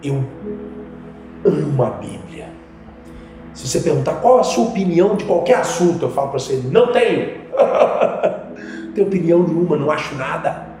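A man's voice: fairly high pitch, expressive, normal speed, pauses often, mellow. Man, podcast guest, slangy, fervent emphasis, very echoey, music behind. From Minas Gerais, Brazil. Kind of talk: casual personal testimony. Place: podcast studio. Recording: very echoey room with background music.

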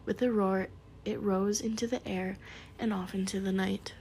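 Woman softly whispering a storybook. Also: medium pitch, fairly even intonation, normal speed, a little hiss or hum. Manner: soft, hushed, gentle. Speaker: storyteller reading a book aloud.

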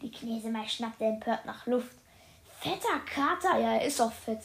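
A woman's voice: fairly high pitch, completely flat delivery, moderate pace. A woman reading a children's detective book aloud to her viewers, stopping often for chatty, slangy comments. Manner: chatty, addresses viewers as "Leute", youthful slang. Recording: roomy echo.

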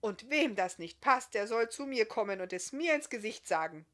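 A woman's voice: mid-range voice, a little slow, voice pushed up, lightly acted. A woman reading aloud, voicing an emotional woman who is a mother and a sister, with an urgent, outspoken manner. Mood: proud.

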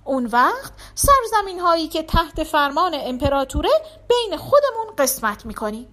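A woman voicing a proud, cruel count who plots treachery, speaking loud and gloating. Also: high-pitched, sing-song, voice pushed up, exaggerated voice.

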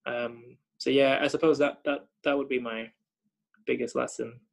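Speaking at a normal speed, a young Thai man who is a hospital doctor muses during a reflective conversation, stumbling through repeated starts and plenty of fillers. His creaky, mid-range voice stays fairly flat in pitch.

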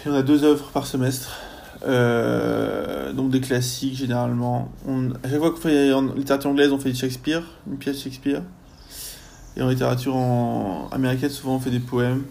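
A young man, a university student, chatting casually in a podcast interview, often pausing on fillers as he thinks. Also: mid-range voice, level tone, gravelly, darkish tone. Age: young adult. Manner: chatty, lots of hesitations and fillers.

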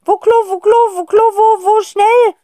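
A woman voicing a flamboyant, eccentric aunt who acts like a haughty countess, high and shrill. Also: fairly even intonation, unhurried, warm tone, no echo. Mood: frantic.

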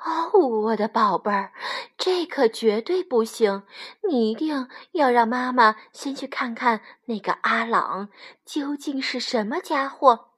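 A woman's voice: on the high side, animated, a little slow, fairly bright tone, husky, exaggerated voice. A woman voicing a fierce, protective mother sheep in a storybook read-aloud, insistent and indignant. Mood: worried.

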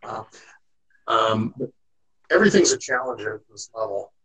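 A man's gravelly, creaky voice comes through a hollow, echoey call line, as if he were talking through a tube. He answers a question in a loose, casual way, stumbling over ums and restarting his sentences. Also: on the low side, lively intonation, measured pace, a bit bright. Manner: hesitant, many ums and restarts. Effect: hollow, echoey call audio, like talking through a tube. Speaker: hockey general manager, guest.

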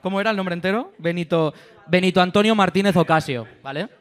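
A man, his voice sitting a little high, hosts a live comedy show in a pub. He runs a guessing game in a loose, joking way, laughing between his lines. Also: fast. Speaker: host running a quiz game. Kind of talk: live comedy podcast banter.

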